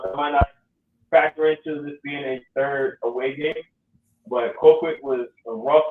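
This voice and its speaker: A man hosting casual sports talk, rambling with lots of ums. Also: medium pitch. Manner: loose, rambling, many ums. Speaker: podcast host. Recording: echoey, distant, phone-like audio.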